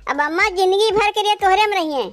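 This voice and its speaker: A woman's voice: very high-pitched, quick pace, fairly bright tone. A woman voicing quarrelsome young village daughters-in-law with an Awadhi accent, taunting and bickering.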